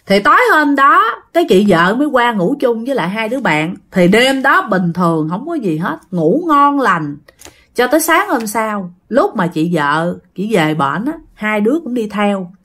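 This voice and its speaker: With a Southern Vietnamese accent, a woman tells a spooky ghost story in a relaxed, chatty way, speaking straight to her listeners. Her medium-pitched, fairly bright voice swings widely in pitch at a normal speed.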